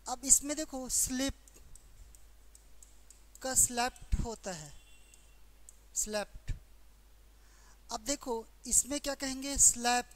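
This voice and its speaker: A woman teacher with a Hindi accent explaining English verb forms in a grammar lesson, asking questions and repeating each answer. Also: high voice. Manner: slow, repetitive explaining with questions to students. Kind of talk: exam-prep grammar lesson.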